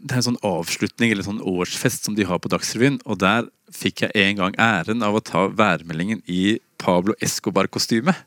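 A man's voice: fairly low pitch, few pauses, a bit bright, no room sound, studio quality. A man, a meteorologist guest on a radio interview, answering with wry humor and some hesitation.

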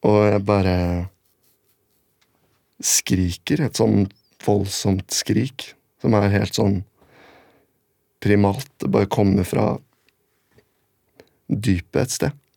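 A man telling his own story in a radio documentary, halting and repetitive, stringing his sentences together with "and then". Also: fairly low pitch, vocal fry, warm tone, no echo, clean studio sound. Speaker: interviewee recounting a personal event. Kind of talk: spoken recollection in a radio documentary.

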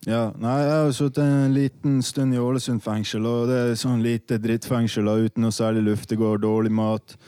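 A man. His voice is smooth and clear at a medium pitch, recorded close and dry. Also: little pitch movement, few pauses, mellow, dry recording. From Northern Norway. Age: 20s. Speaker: radio host. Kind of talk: casual radio hosting.

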